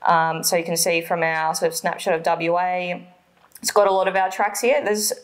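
A woman's voice: fairly low pitch, fairly even intonation, normal speed. A woman in her thirties with an Australian accent, co-hosting a travel vlog from her living room, chatting casually with lots of ums. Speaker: vlog co-host. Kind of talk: casual explainer chat.

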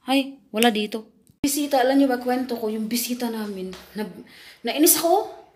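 High-voiced chatty woman vlogger. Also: normal speed, a little mellow, echoey room. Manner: chatty, laughing, teasing storyteller. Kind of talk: casual vlog talking to viewers. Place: home indoors.

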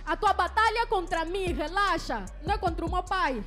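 A woman's voice: very high-pitched, lively intonation, normal speed, loud music behind the voice. A woman with an Angolan Portuguese accent firing defiant battle rap comebacks on a club stage. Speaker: battle rapper. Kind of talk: rap battle verses over a crowd. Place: indoor club stage with a crowd.

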